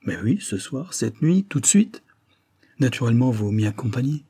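Un homme qui joue un inspecteur de police calme, ironique et raffiné, dans un livre audio lu. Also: male voice, medium pitch, normal speed, slightly rough, no room sound, clean studio sound. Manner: calm, ironic, gentlemanly.

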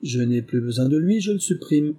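A man reading aloud, voicing a sly, confident male English detective in a lively, ironic manner. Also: moderate pace. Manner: higher, lively, ironic delivery.

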